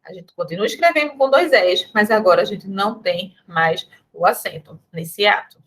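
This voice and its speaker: A woman's voice: mid-range voice, normal speed. A woman with a Brazilian Portuguese accent giving a recorded grammar lesson, speaking to her students in a chatty, direct way. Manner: chatty, addresses students directly, reads comic asides aloud. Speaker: teacher.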